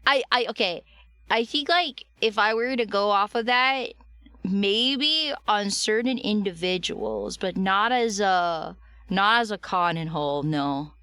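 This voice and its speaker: A woman's voice: medium pitch, unhurried, bright, forceful tone, clean tone, no room sound. Woman streamer with a slightly strained voice. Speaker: livestreamer. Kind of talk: casual chat with livestream viewers.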